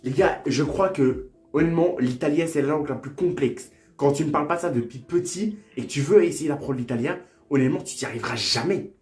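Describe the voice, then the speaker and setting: A young man with a darkish, slightly high voice speaks a little fast while testing language-app phrases in a casual vlog. He repeats them over and over and keeps the jokes self-mocking and playful. Faint music plays in an echoey room.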